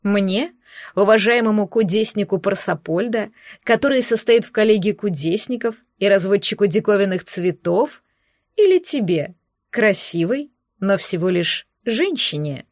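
A woman voicing a smug, cruel male sorcerer in an audiobook, speaking in a honeyed, sneering, deliberate way. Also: medium pitch, animated, a little mellow, dry recording, clean studio sound, close to an everyday voice. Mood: menacing. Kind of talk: audiobook character voice.

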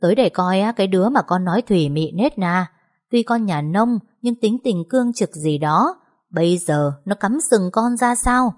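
A woman's voice: mid-range voice, animated, normal speed, lightly acted. Woman doing a harsh old mother-in-law. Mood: scolding. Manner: scolding, sharp and contemptuous.

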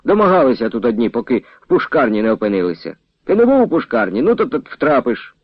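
A man's voice: medium pitch, big pitch swings, quick pace, no echo, muffled recording. A man voicing a haughty, spiteful manservant who sneers and orders people away. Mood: scornful. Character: haughty, spiteful male servant of a colonel.

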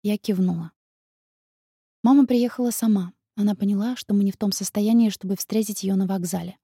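A woman narrating a first-person audiobook in an expressive, emotional way. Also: medium pitch, a little fast, breathy edge, no room sound, clean studio sound.

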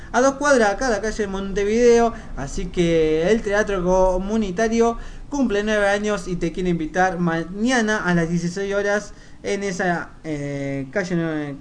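A man with an Argentine accent hosting a local radio show, reading community announcements in a halting way, repeating and correcting himself. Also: high-pitched, slight background noise. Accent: Argentine Spanish.

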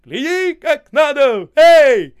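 A man voicing a bold, cheerful older workman who hollers orders and rough scolding. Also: high-pitched, normal speed, dry recording, studio quality, voice pushed up, close to an everyday voice. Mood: bold shouting.

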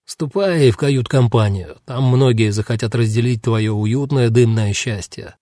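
A man doing a gruff weary guard. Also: medium pitch, a little slow, warm tone, no room sound, studio quality, close to an everyday voice. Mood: dismissive. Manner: blunt, dismissive street slang. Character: gruff, weary adult male guard giving orders.

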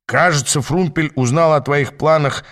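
A man voicing a cocky, scheming male demon who talks smoothly and haughtily in an audiobook. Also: on the high side, normal speed, fairly bright tone, close to an everyday voice. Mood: persuasive. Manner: glib, persuasive, haughty. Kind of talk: audiobook character reading.

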